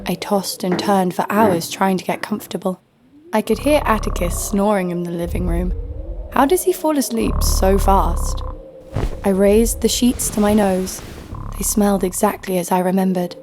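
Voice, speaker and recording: In an audio drama, an actress plays a tough young fighter narrating her own story with dry defiance. Her voice is mid-range and a little mellow, lightly acted, over clear background noise and ambience.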